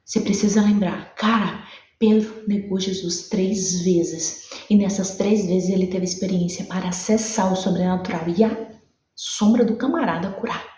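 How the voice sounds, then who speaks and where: A woman's voice: mid-range voice, moderate pace, mellow, echoey room. A woman with a Brazilian Portuguese accent preaching a sermon, emphatic and repetitive, acting out conversations.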